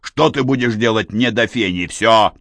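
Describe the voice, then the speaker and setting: A male narrator voicing a contemptuous male crime boss who shouts insults and threats in an audiobook. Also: lowish voice, moderate pace, vocal fry, no room sound. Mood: furious. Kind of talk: audiobook character voice.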